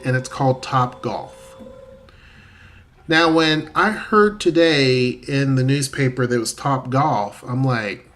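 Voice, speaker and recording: A vlogger chats casually to a camera facing him, rambling and correcting himself as he goes. His voice is medium in pitch and fairly bright, and there's a little hiss or hum in the audio.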